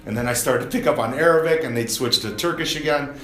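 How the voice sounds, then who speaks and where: A male teacher speaking to camera in a school interview, pausing often with fillers. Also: medium pitch, a bit bright, echoey room. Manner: hesitant, many fillers. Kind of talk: interview testimonial.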